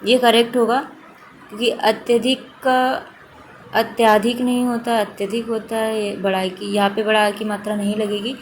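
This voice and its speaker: A woman's voice: a little high, normal speed. Woman teaching exam spellings, noisy recording. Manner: steady explanatory, repeats correct forms for emphasis. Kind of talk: exam question walkthrough lesson.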